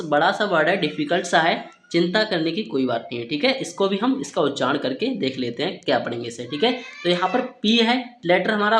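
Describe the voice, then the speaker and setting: This phonics teacher's voice sits high and sounds a bit bright. Teaching Hindi speakers to read English, he spells words one letter at a time, asks questions and then supplies the answers, and says "ठीक है" repeatedly, all with a roomy echo.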